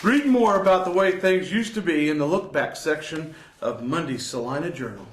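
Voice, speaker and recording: A playful man reads old newspaper headlines with mock alarm, as if each item were a scandal. His voice is a bit high for a man. The room around him is echoey. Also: animated, normal speed. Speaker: co-host. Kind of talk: reading old news with banter.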